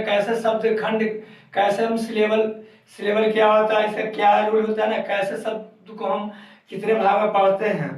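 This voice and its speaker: Guy teaching a class, far off the mic, slow repetitive dictation, high voice. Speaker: coaching teacher. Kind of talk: classroom lesson. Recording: very echoey room, far from mic.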